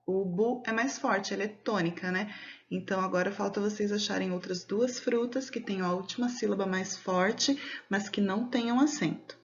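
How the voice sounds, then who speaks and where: A woman's voice: medium pitch, dull audio. A woman with a Brazilian Portuguese accent, teaching a recorded video lesson from home and patiently explaining each step to children. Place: home during quarantine.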